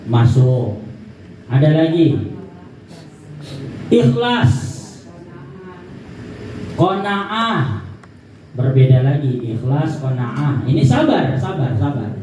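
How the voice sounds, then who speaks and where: A man's voice: fairly high pitch, mellow. Preacher man in an echoing hall. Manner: conversational, asks the audience questions, acts out everyday speech. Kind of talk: religious lecture to a congregation. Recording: roomy hall, voice from a distance, faint background noise.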